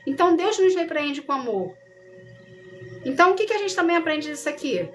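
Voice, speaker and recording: A woman's voice: high voice, big pitch swings, brisk, fairly bright tone, soft background music. A Brazilian woman, a missionary, teaching a casual Bible study in a conversational way and often checking that her listeners follow.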